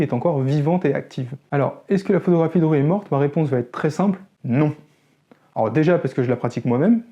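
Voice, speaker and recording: Mellow-voiced French man explaining photography. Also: fairly high pitch, muffled recording. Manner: explanatory, conversational, self-deprecating asides. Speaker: photography channel host. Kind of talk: educational talk to camera.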